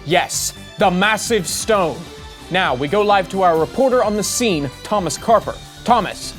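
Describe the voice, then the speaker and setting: A man's voice: high voice, lively intonation, measured pace, soft background music. An actor playing an earnest, dramatic male breaking news anchor in a comedy sketch, with an urgent announcer delivery. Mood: excited, urgent.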